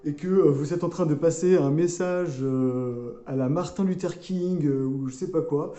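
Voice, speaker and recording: A man's voice: a little high, moderate pace, warm tone, reverberant, muffled recording. A man coaching in a casual, playful, joking way, rambling with many fillers. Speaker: wellness coach.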